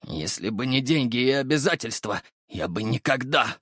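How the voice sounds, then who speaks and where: A man's voice: mid-range voice, animated, normal speed, fairly bright tone, breathy edge, dry recording, clean studio sound. A man voicing a meek middle-aged alchemist and father who pleads and rages emotionally. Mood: outraged.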